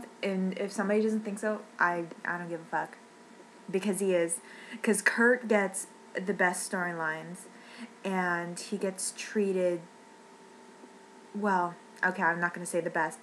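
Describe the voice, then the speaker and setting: A woman on the verge of tears rants at a middling pitch, her sentences breaking off and starting over. She sounds shaken and hurt. A faint noise sits under her voice. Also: a bit bright, rough recording. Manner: upset and rambling, halting restarts. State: near tears. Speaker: fan vlogger. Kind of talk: emotional rant.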